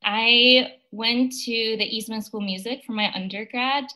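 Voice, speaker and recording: A woman's voice: fairly high pitch, steady tone, unhurried, pushed and bright, poor audio. A young woman from China, an opera singer, talking casually in an interview over a video call, thoughtful and dotted with fillers. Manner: thoughtful, with frequent fillers and light laughs.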